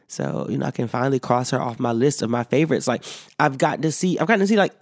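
Talking fast with lively intonation, a man rambles through his own casual podcast, swearing and using fillers while his voice hasn't fully returned after being sick. His pitch is medium, and the studio-quality audio has no room sound.

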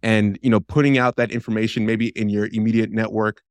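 Low-voiced rambling podcast co-host, man. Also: flat delivery, fairly quick, clear, resonant tone, no echo. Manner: rambling, many restarts and fillers. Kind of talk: conversational podcast interview.

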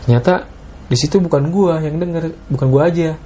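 A man's voice: a little high, a little fast, dark tone, slight background noise. A man casually telling a story to a host, retelling the dialogue and often calling the listener "Bang.". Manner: Jakarta slang.

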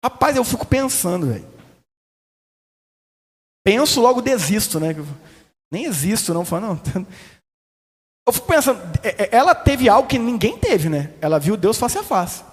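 A man's voice: sits high, big pitch swings, normal speed, pauses often, breathy edge. A man with a Brazilian Portuguese accent preaching a sermon as pastor, sarcastic and joking, with a lot of slang. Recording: echoey hall.

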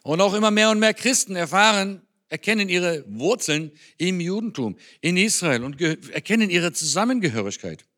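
A man preaching in a church with a fairly high, bright voice. He talks to the congregation in an earnest, conversational way, as if chatting with them. His tone is forceful and clear. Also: animated, normal speed, hardly any pauses. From Germany. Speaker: speaker on Israel at a church. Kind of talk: sermon.

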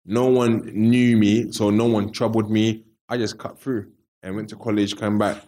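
A man with a fairly low-pitched voice talks in a London roadman accent. He tells his stories in loose street slang, like a guest in a relaxed interview, and re-enacts conversations as he goes. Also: moderate pace. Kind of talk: casual storytelling in street slang.

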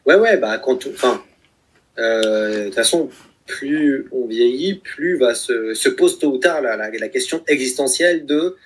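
A man in his thirties with a husky, slightly breathy voice talks through his thoughts in a relaxed conversation. He hesitates often, filling gaps and restarting sentences as he goes. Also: mid-range voice, a little slow. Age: 30s. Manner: hesitant, many fillers and restarts. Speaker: guest, author of a book project. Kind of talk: reflective conversational talk.

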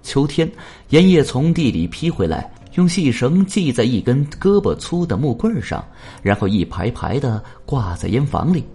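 A man's voice: mid-range voice, big pitch swings, normal speed, hardly any pauses, warm tone, husky. A man narrating a story expressively, shifting into voices for the characters.

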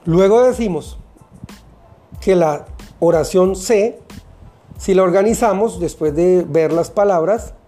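Teacher, children's lesson, deliberate, mellow, faint background music. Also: medium pitch. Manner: patient, deliberate, spells out each step.

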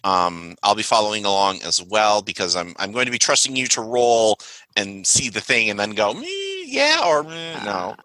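A man's voice: fairly low pitch, fairly even intonation, moderate pace, bright, forceful tone, dry recording, rough recording. A man running a tabletop role-playing session as game master, chatty and rambling with lots of fillers.

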